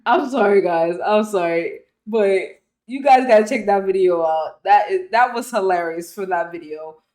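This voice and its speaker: A woman's voice: medium pitch, moderate pace, darkish tone. A woman hosting a reaction video in casual chat, talking loosely with slang and frequent laughter. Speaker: reaction channel host.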